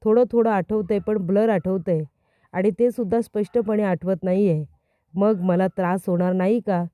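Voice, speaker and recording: A distraught, volatile young woman pleads and demands answers in a dark, mellow voice, read out by a female narrator. The sound is dry and close, with no room around it. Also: medium pitch, fairly even intonation, normal speed, dry recording, lightly acted.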